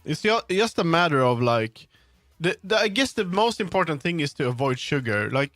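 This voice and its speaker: His voice is on the high side and sing-song, fairly bright, at a moderate pace, in a close, dry recording. This male game developer streams while he works, rambling casually, thinking aloud and letting sentences trail off, with music in the background.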